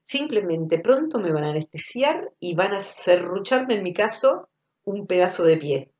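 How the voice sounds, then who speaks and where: A woman with an Argentine accent giving a reflective spoken talk, thoughtful and intimate, sometimes dropping to soft murmurs. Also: fairly low pitch, lively intonation, a little slow, roomy sound. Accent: Argentine Spanish. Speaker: speaker giving a recorded talk, former psychotherapist. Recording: dull lo-fi audio.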